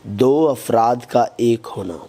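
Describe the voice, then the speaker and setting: A man reading a scripted Bible lesson in a measured, even way, quoting scripture as he goes. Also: medium pitch. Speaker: Bible study narrator.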